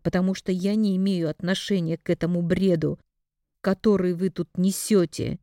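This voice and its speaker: Icy, raging man under accusation, put on by a woman reader; low, dark tone, dry. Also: steady tone, moderate pace, dry recording, close to an everyday voice. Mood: enraged. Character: cold, enraged man accused of murder.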